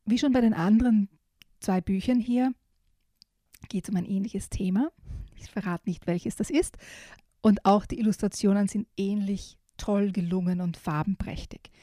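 Mellow-voiced woman reading children's books aloud. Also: mid-range voice, normal speed, dry recording, studio quality. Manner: lively storytelling with shifted voices for animals; talks directly to a child listener, with fillers. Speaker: children's book presenter.

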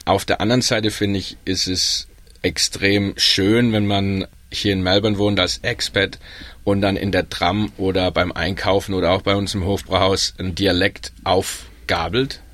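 On a dry recording, a panel guest who works at a pub in Melbourne talks a little slowly in a low voice. He's young, has a Baden German accent, and keeps things relaxed and chatty, full of ums.

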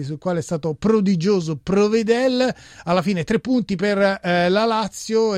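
A man's voice: sits high, darkish tone, no room sound. A man presenting a football round-up, going through results and match reports as a studio presenter. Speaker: sports radio presenter.

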